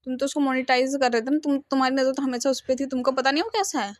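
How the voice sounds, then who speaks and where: A woman reading as a reserved, protective young man of few words. His lines come quiet and steady, with a close, dry sound. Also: high-pitched, fast, no echo, close to an everyday voice. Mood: irritated.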